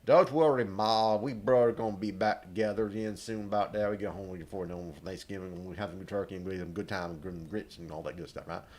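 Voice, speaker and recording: A man's voice: sits low, quick pace, few pauses, a little mellow, slight background noise, lightly acted. A man voicing a homesick young soldier with a put-on Southern American accent, writing a folksy, rambling letter home to his mother.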